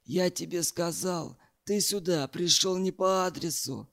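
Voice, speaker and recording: A man voicing a gruff, weary old tunnel boss who barks orders and lectures. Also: sits high, slow, a little mellow, voice pushed up.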